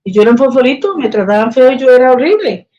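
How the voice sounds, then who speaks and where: A woman's voice: sits high, animated, fast, warm tone. Earnest woman telling her testimony. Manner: earnest, repetitive storytelling that acts out quoted dialogue. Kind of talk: personal testimony storytelling. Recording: dull lo-fi recording.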